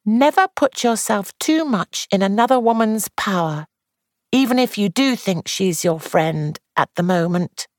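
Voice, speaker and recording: A woman's voice: mid-range voice, lively intonation, unhurried, darkish tone, dry recording, clean studio sound, voice pushed up, close to an everyday voice. A woman reading aloud and voicing a young actress who sounds anxious, dramatic and confiding.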